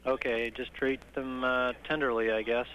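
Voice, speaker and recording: A man working as a mission control communicator, giving measured, halting procedural instructions over the radio. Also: medium pitch, flat delivery. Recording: dull, noisy archival space-to-ground radio recording.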